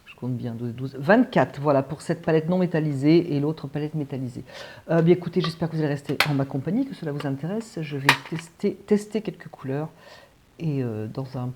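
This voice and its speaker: A woman with a low, warm voice chats casually on camera while opening art supplies. She thinks aloud, hesitating and filling pauses as she goes. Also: a little hiss or hum. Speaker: watercolor channel host. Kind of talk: casual unboxing chat.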